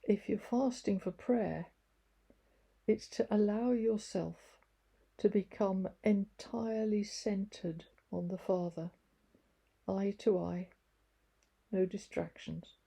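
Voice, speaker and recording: A woman voicing Jesus as a calm, patient grown man who explains things gently and thoughtfully in a storybook reading. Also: high-pitched, takes it slowly, vocal fry, pauses often, slightly rough, heavily acted. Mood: calm explaining.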